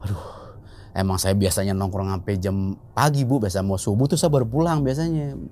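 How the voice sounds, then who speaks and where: A man telling a ghost story in a chatty, excitable way, full of little fillers. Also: lowish voice, fairly quick. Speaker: guest storyteller. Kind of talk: casual spoken ghost story.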